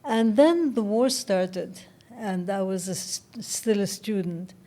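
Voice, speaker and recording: A woman of around seventy, from Egypt, speaking as an interview guest in a measured, thoughtful way and often pausing to find her words. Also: mid-range voice, lively intonation, mellow. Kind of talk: reflective interview talk.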